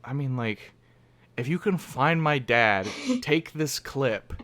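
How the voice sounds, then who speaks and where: A man's voice: mid-range voice, slow pace, a bit bright, slight background noise. A young man co-hosting a casual podcast chat, telling stories in a rambling way and restarting his sentences often. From Oregon, United States. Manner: rambling, self-interrupting storyteller. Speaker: podcast co-host.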